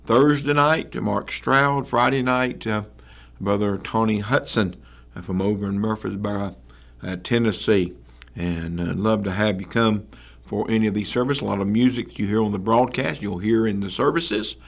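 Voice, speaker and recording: Church radio guy, gravelly low voice, lots of uhs and amens. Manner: folksy, halting with many fillers and amens. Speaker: radio host and church pastor.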